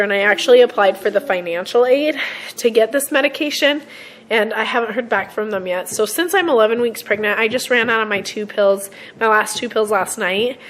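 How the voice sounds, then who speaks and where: A young woman vlogging at home to her camera, hoarse from a cold, chatting in a rambling way with many ums and throat-clearing. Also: fairly high pitch, a little hiss or hum, low-quality recording. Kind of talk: casual vlog chat to camera. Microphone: camera set on a surface.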